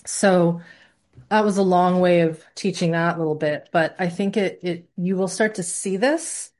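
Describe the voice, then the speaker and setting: A woman's voice: on the low side, normal speed, darkish tone. A woman instructor teaching a live class in a conversational way, often checking in with her students. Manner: conversational, asks the class questions, demonstrates voices. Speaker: course instructor.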